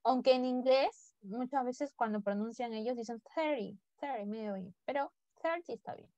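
A woman's voice: on the high side, fairly even intonation, normal speed, mellow, no room sound, muffled recording. A woman teaching English to a class online, speaking mostly Spanish and coaxing her students to repeat words after her. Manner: coaxing, drills pronunciation by repeating.

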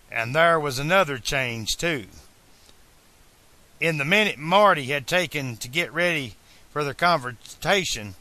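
A man reading a novel aloud as a fan audiobook narrator, in a slow, deliberate way. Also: a little high, bright, forceful tone, dry recording.

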